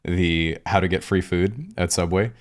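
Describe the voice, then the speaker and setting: A man's voice: deep voice, unhurried. A man hosting a podcast, asking long, meandering and reflective questions in casual conversation. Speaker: podcast host.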